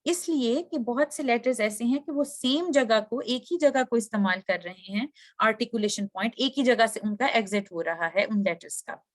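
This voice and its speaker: A woman with a slightly high voice teaches a recitation lesson. She explains patiently, slows down to demonstrate each sound, and drops English terms into her sentences. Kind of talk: tutorial lesson.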